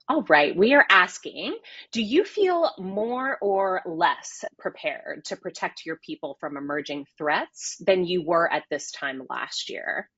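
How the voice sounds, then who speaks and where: Introducing speakers and running polls, this woman keeps her business webinar upbeat and scripted. Her pitch is fairly low, her tone fairly bright, and the recording comes across as slightly dull and dry.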